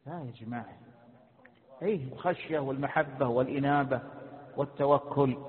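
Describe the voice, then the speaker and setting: A man's voice: mid-range voice, brisk. A sheikh teaching a creed class, quizzing his students and repeating his questions in a mix of colloquial and formal speech. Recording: tinny phone-like lecture recording in a reverberant hall.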